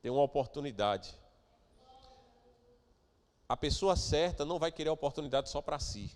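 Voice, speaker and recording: A man preaching a sermon as pastor of a church, moving between quiet asides and loud, emphatic declarations. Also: a little high, lively intonation, normal speed, big-room sound. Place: church sanctuary.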